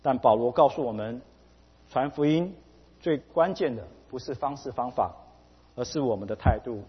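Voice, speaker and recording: A man preaching a sermon in a measured way, pausing often with fillers, recorded dull with a long hall reverb. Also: mid-range voice, husky. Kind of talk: sermon with anecdote.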